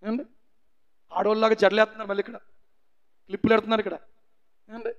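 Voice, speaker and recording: Male pastor, high-pitched voice, fervent preaching, rhetorical questions. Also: level tone, rapid-fire, lo-fi sound. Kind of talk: sermon.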